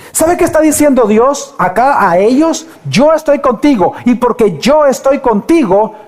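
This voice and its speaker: Male preacher, high but mellow voice, fervent sermon delivery with exclamations and soft hushed asides. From El Salvador. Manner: impassioned preaching, dropping to soft intimate tones when voicing God; reads scripture aloud and exclaims often. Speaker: pastor.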